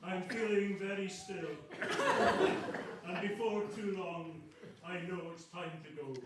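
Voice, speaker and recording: A man's voice: high-pitched, measured pace. Man acting a faint dying man in echoey hall. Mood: faint, resigned. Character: dying man, faint, brave and resigned, saying last goodbyes. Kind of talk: amateur stage comedy acting. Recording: echoey hall, distant mic, loud noise.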